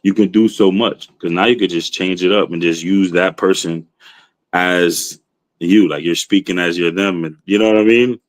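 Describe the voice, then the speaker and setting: A man with a somewhat low voice talks with steady enthusiasm, leaning on casual fillers. The sound is dry and close, with no room around it. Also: normal speed, no room sound. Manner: enthusiastic, fills with "you know what I mean". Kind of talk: casual chat.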